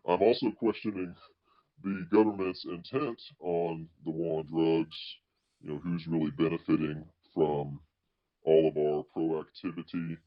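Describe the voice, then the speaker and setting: A man speaking as a police officer in an interview, in measured, formal wording, his voice electronically distorted into a deep disguise. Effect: voice electronically distorted to sound deeper, as a disguise. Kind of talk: interview, explaining at length. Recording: dull, muffled lo-fi audio.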